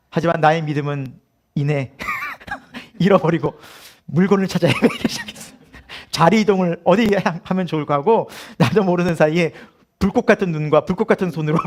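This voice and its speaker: In this sermon, a middle-aged pastor with a slightly high voice laughs his way through a story. He dramatizes the quotes by shouting them out.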